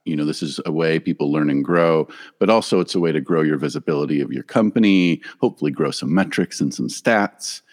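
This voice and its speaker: A man's voice: rumbling low, brisk, hardly any pauses. A man as a podcast guest, explaining in a thoughtful, hesitant way with many fillers. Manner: thoughtful, hesitant with many ums and you-knows. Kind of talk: casual interview talk. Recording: long room reverb.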